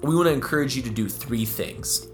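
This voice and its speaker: A man's voice: medium pitch, lively intonation, a little fast, faint music behind. A man, an associate pastor, reading a scripted outro to his podcast in an inviting tone. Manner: read from a script, warm invitation.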